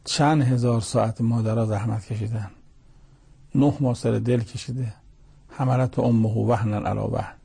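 Very husky, gravelly-voiced male preacher. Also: medium pitch, fairly even intonation, warm tone. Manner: exhorting, repeats lists and rhetorical questions. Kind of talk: religious sermon with Quranic Arabic quotations.

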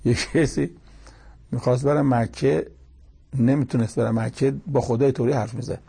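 A man's voice: mid-range voice, fairly even intonation, vocal fry, dark tone, slightly rough. A man giving a religious lecture, explaining verses in a plain conversational teaching manner with quoted asides. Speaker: cleric.

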